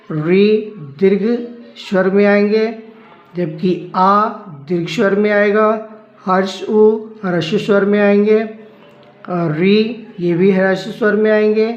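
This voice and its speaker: A man teaching a grammar lesson, explaining step by step in a slow, patient manner. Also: high voice. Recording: roomy, dull lo-fi sound with faint music.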